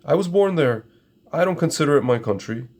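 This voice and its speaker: This commentator, a middle-aged native Russian speaker from Ukraine, speaks a little high and fairly quickly, with an expressive delivery and a darkish tone. He pushes his opinions hard, circles back to the same phrases, and keeps addressing his audience as "my friends."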